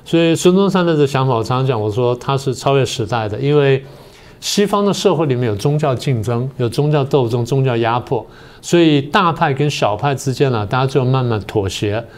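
An older man, a political science professor and guest on a talk show, explaining history in a slow, methodical way. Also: mid-range voice, expressive. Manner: methodical, explains step by step with many pauses.

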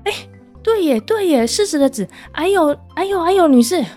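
A woman's voice: a little high, expressive, brisk, a little mellow, soft background music, lightly acted. A woman voicing a stingy, fretful old grandfather in a children's story, fussing and exclaiming. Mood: excited. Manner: fussy, panicky exclamations.

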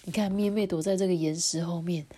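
A woman's voice: on the low side, steady tone, a little fast, warm tone, husky. A woman reading a picture book aloud to children, with friendly explaining asides. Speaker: storyteller.

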